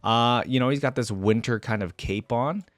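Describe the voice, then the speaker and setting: Recorded dry, this man speaks at a normal speed with a medium pitch. He hosts a reaction video, musing out loud in a relaxed, informal way about game character skins.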